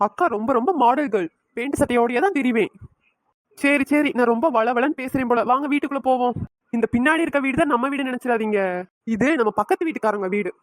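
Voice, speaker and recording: A woman's voice: on the high side, fast talker, dry recording, close to an everyday voice. A woman voicing a chatty, playful young woman who talks straight to the viewer in a cartoon. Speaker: narrator.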